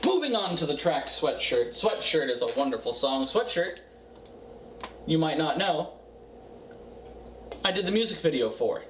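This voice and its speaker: A man giving a casual, profane music review in a tipsy, rambling way, halting and repeating himself. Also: a little high, sing-song. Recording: roomy, distant mic, faint noise.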